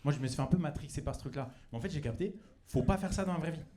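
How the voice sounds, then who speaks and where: A man's voice: on the high side, very fast, dark tone. A young man performing a stand-up comedy set in a comedy club, chatty and loose, full of fillers and restarts. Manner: loose, chatty delivery with many fillers and restarts, breaks into silly put-on voices. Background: audience laughter.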